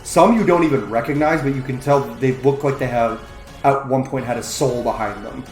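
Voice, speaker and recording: A man's voice: mid-range voice, fairly quick, darkish tone. Male game master in a roomy space. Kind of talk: narrating a tabletop role-playing game. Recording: roomy echo, faint music underneath. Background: faint background music.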